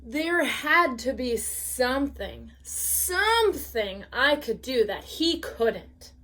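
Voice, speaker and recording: A woman reading a picture book aloud as a bedtime story, pausing to ask the listener questions. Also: sits high. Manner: slow, gently expressive reading with questions to the listener.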